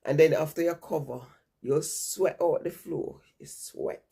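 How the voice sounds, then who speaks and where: She's a vlogger with a cold, speaking to her audience in an unhurried, low-pitched, mellow voice that is also husky and gravelly, her nose audibly stuffy. The chat is casual and rambling, full of repetition.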